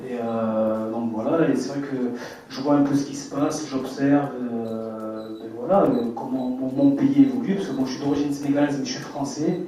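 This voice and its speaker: At a public debate, a twenty-something man from France talks earnestly but hesitantly, filling gaps and restarting often. His medium-pitched voice is warm and steady at a normal speed, captured by a distant mic in an echoey hall with a dull sound and slight background noise.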